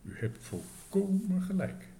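A man's voice: high-pitched, big pitch swings, a little slow, creaky, mellow, slight background noise, pitched above the performer's own voice, exaggerated voice. A man voicing a sleepy, fussy hotel desk clerk who speaks in pompous, raised tones.

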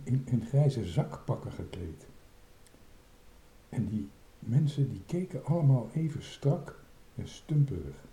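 A man reads a children's story aloud with a very dark, mellow voice that swings widely in pitch. He tells it dramatically, and the room around him adds a clear echo. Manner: expressive, dramatic. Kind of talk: reading a children's book aloud.

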